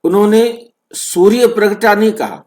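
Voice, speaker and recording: A man explaining scripture slowly and deliberately as a spiritual teacher, repeating phrases for emphasis over an online call. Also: sits high, lively intonation, a little mellow. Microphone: online video call.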